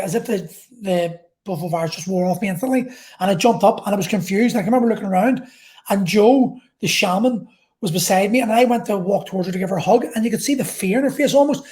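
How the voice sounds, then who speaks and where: A woman vlogger telling an intense personal story in a halting way, repeating phrases and swearing. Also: mid-range voice, dark tone.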